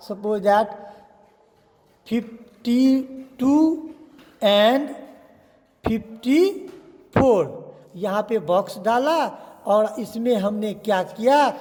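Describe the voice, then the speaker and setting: A man teaching a slow, patient revision lesson to young children, asking and answering his own questions. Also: sits high, a little mellow. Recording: echoey room with long reverb.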